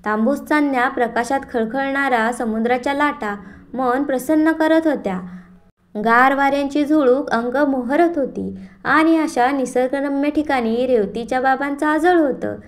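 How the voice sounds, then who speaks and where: A woman narrating a family story, reading it aloud in a descriptive, measured way. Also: sits high.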